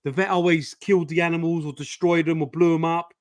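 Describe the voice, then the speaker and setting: A man's voice: a little high, fairly even intonation, fast. A man in casual chat on a comics stream, swearing and saying "listen" and "mate".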